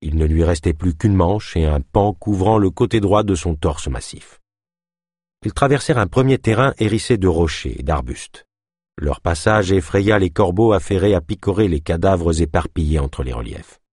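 Audiobook narrator, male: low, husky, very expressive, dry close mic. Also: moderate pace, no echo.

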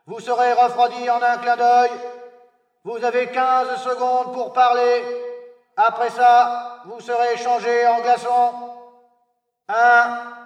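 An actor playing a stern, menacing male voice of mission control heard through a loudspeaker, speaking slowly and deliberately. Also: extremely high pitch, monotone, highs cut off. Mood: threatening. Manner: stern, commanding, slow and deliberate. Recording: distant echoey hall with music.

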